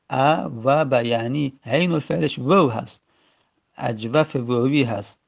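A man's voice: medium pitch, creaky. A man teaching a grammar lesson, patiently repeating each form aloud with frequent hesitations.

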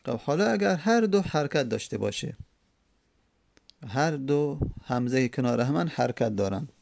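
Slow, gravelly man teaching grammar. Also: medium pitch, expressive, a little mellow, a little hiss or hum. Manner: slow, repeating each example syllable by syllable; hesitant, many drawn-out fillers. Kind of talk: explaining an Arabic grammar text.

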